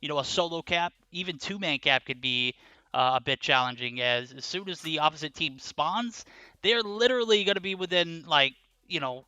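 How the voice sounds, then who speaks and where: A man's voice: fairly high pitch, lively intonation, moderate pace, pushed and bright, clear, resonant tone, no echo. A man casting a live esports match, chatty and jokey with frequent fillers. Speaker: esports caster. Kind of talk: live esports play-by-play commentary.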